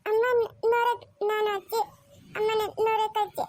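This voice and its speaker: Woman acting as a little cartoon boy, clingy and tearful, very high piping voice, dry close sound. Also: little pitch movement, moderate pace, no room sound. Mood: crying. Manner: whiny, repetitive pleading.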